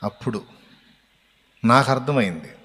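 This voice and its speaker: A man's voice: medium pitch, animated, a little slow, sharp tone, breathy edge. A male pastor preaching a sermon with emphatic repetition that rises to fervent cries of praise. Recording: long hall reverb.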